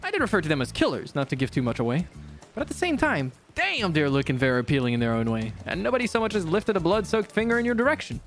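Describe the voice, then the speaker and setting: Expressive, higher-pitched man streaming. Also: fast talker. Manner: casual, sweary, expressive. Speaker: streamer playing and voice-acting a game. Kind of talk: casual gameplay commentary and dramatic read-aloud narration. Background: background music.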